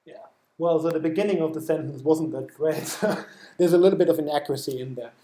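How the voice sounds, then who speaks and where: German-accented male presenter, highish mellow voice, echoey meetup room, halting technical talk. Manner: explanatory, with frequent fillers and restarts. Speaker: software developer presenting at a meetup. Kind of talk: technical talk with live demo.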